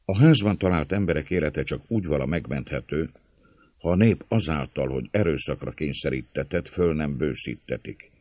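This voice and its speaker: A man reads a classic novel aloud as an audiobook, in a very deep voice that still moves with lively, expressive melody. His delivery is measured and storytelling, and the recording is dry and close. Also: dry recording, muffled recording.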